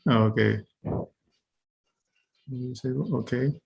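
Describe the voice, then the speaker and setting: A man speaking over a video call as keynote speaker, thinking aloud in halting phrases while working through screen-sharing settings. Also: medium pitch, steady tone, gravelly, a little mellow, poor audio. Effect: heard over a video call.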